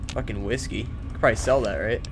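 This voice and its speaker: A man giving casual let's-play commentary, chatty and easily spooked, who yells and swears when fights get tense. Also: lowish voice, fairly even intonation, fast, music in the background.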